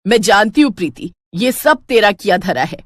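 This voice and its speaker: A woman's voice: fairly low pitch, animated, normal speed, no room sound, clean studio sound, pitched below the performer's own voice. A woman voicing a fierce, jealous middle-aged mother-in-law in a cartoon, scolding and bossy. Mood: furious.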